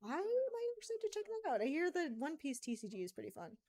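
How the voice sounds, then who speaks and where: A woman streaming a card game, chatting casually, reading viewer comments aloud, thinking out loud and laughing often. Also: sits high, sing-song, fast. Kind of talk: casual live-stream chat while playing a card game.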